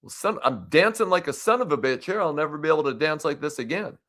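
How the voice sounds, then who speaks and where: A man in his forties speaks over a video call as a guest. His voice sits a little high and has a bright, sharp edge. He rambles through casual chat and swears freely. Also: lively intonation, quick pace.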